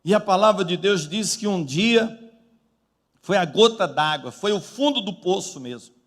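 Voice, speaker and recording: Male pastor, high voice, dramatic sermon storytelling, church hall reverb. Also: lively intonation, unhurried. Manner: dramatic storytelling, acting out quotes with rising volume.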